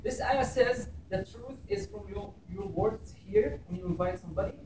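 This Egyptian man in his thirties has a high voice and a moderate pace, and his Egyptian Arabic accent colors the English he uses to explain scripture in a classroom public talk. The sound comes from a far camera mic in an echoey room, with noise in the background.

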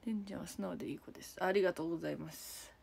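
A young idol livestreamer with a Kansai accent chats casually from her room at home, reading comments, answering viewers one by one and giggling often. She talks very fast in a fairly low voice with vocal fry and a darkish, slightly rough tone.

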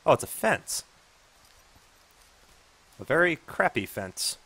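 A man's voice: a little high, big pitch swings, slow, bright, forceful tone, breathy edge. A man in his forties casually commenting on gameplay with sarcastic, self-deprecating asides. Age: 40s. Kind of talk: casual let's-play commentary.

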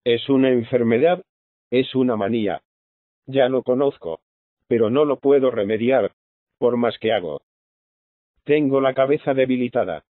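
A man voices a young gentlewoman worn down by fear, telling her fears in an anxious, confiding way. The audio is narrow and tinny, like a phone line, and bone dry. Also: medium pitch, moderate pace, pauses often, dry recording, lightly acted. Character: young frightened gentlewoman, nervous and fragile.

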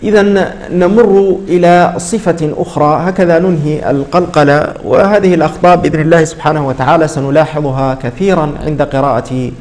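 A man teaching a tajweed lesson, explaining patiently and repeating words slowly to model their pronunciation. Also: a little high, fairly even intonation, darkish tone. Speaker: Quran recitation teacher.

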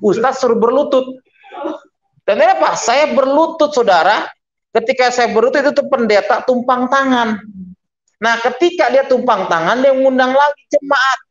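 A middle-aged man preaching as a pastor, telling his conversion story in a lively storytelling manner and acting out the dialogue. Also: very high voice, moderate pace, highs cut off. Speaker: pastor giving testimony. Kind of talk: storytelling testimony sermon.

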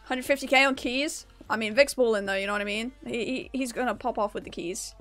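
Streaming a game with soft music in the background, a young woman chats upbeat with her viewers and laughs frequently. Her voice is on the high side, a bit bright, and fairly quick.

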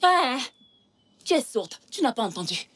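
A woman's voice: on the high side, sing-song, measured pace, breathy edge, full character voice. A stern, scolding village mother. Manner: scolding, loud outbursts. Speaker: dubbing actor. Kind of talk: French film dub.

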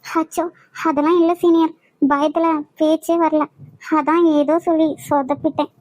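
A woman's voice: sits high, level tone, moderate pace, darkish tone, no echo, lightly acted, poor audio. A woman voicing a timid young college girl with childlike speech and a Kanyakumari Tamil accent, nervous and stammering. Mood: flustered.

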